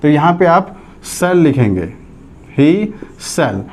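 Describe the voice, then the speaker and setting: A man's voice: fairly high pitch, sing-song, slow, a little mellow. A man teaching English grammar in a classroom lecture, explaining step by step, dictating sentences word by word and asking whether the class has understood. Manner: explains step by step, asks checking questions.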